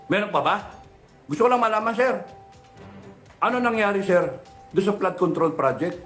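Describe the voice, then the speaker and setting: Fired-up guy ranting at officials, keeps saying sir, slightly high voice, faint music behind. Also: normal speed, a bit bright. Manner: fiery, repeated rhetorical questions, mixes Tagalog and English; mock-polite "sir" addressing officials. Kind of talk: impassioned political rant.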